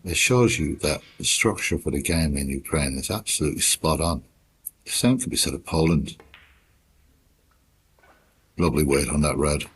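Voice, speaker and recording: Very deep-voiced man, hushed golf-style sports commentary. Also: a little hiss or hum. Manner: measured, sparse phrases with long pauses. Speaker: snooker commentator.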